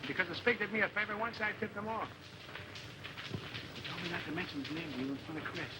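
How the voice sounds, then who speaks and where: A man's voice: sits high, expressive, fast. An actor playing a cocky, slangy ladies' man in 1930s Hollywood film style. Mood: casual. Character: brash, smooth-talking wisecracking ladies' man. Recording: noisy old film soundtrack.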